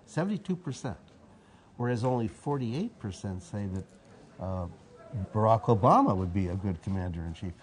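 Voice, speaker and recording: A man's voice: lowish voice, expressive, normal speed. A man co-hosting a casual political chat from a newsroom, asking wry, teasing questions. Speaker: newspaper political reporter co-hosting.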